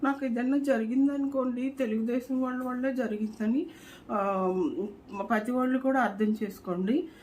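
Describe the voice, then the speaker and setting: A woman's voice: high-pitched, fairly even intonation, normal speed, darkish tone, a little hiss or hum, rough recording. A woman, pleading directly to camera in a repetitive, imploring vlog appeal. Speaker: vlogger making a political appeal.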